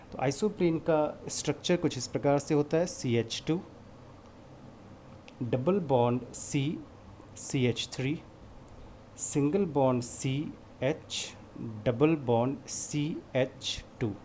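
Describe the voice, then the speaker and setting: A man's voice: mid-range voice, dark tone. A male chemistry teacher with a mid-range voice talks through a lesson step by step. He keeps putting questions to the class and then answering them himself. A faint hiss of background noise sits under his voice. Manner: explains step by step, asks and answers own questions, mixes in English terms. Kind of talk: classroom lecture.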